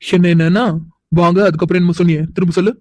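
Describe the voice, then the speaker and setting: A man's voice: high-pitched, flat delivery, rapid-fire, a little mellow, dry recording, natural voice. A man voicing a mocking young man in a cartoon, teasing and taunting. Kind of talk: cartoon voice acting.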